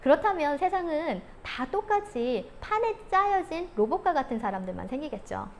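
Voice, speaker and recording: A woman giving a talk on parenting, who acts out scolding mothers in sharp outbursts. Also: high-pitched, big pitch swings, normal speed, a little hiss or hum. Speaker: parenting coach.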